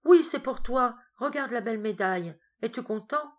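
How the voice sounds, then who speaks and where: A woman's voice: mid-range voice, very animated, moderate pace, pitched above the performer's own voice. A woman voicing a kindly male army doctor in an audiobook, coaxing and paternal. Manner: warm, coaxing.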